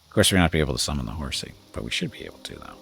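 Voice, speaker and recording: A man's voice: rumbling low, sing-song, very fast, gravelly, a bit bright. A man doing casual game commentary and reading story text aloud, with wry muttered asides. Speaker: gamer playing and narrating a role-playing game. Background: game music.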